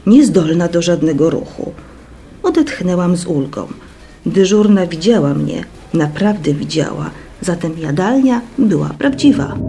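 A woman reading a first-person story aloud in a dramatic, expressive way. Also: medium pitch. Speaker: audiobook narrator. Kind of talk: first-person scripted narration.

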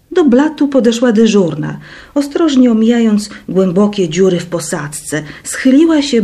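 A woman reading a first-person story aloud in a dramatic, expressive way. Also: medium pitch. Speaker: audiobook narrator. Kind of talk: first-person scripted narration.

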